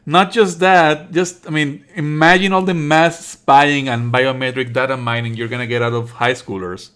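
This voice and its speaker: This male game streamer has a clean-toned, mid-pitched voice at a moderate pace. Playing a visual novel live, he reads the game text aloud and breaks into sarcastic, exasperated rants with animated outbursts and plenty of swearing.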